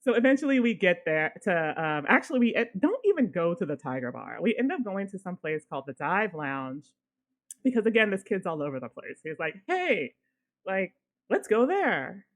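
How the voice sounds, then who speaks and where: A woman co-hosting a podcast, telling a personal story in a casual, animated way and swearing now and then. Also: fairly low pitch, brisk. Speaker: podcast co-host.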